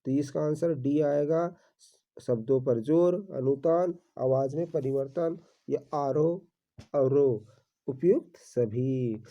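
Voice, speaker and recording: A man teaching exam-prep questions, reading each question and repeating the answer while calling viewers his friends. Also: on the high side. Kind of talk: exam-prep quiz walkthrough. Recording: dull lo-fi recording.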